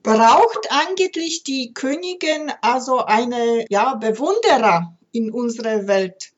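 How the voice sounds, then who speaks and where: A woman's voice: on the high side, animated, slow pace, lo-fi sound. A woman interviewer asking short, probing questions.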